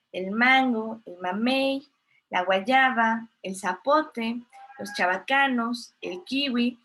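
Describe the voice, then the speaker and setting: A woman's voice: mid-range voice, a bit bright. Mexican woman teaching with many tag questions. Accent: Mexican Spanish. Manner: explanatory, with frequent tag questions and fillers. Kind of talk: recorded online class lecture.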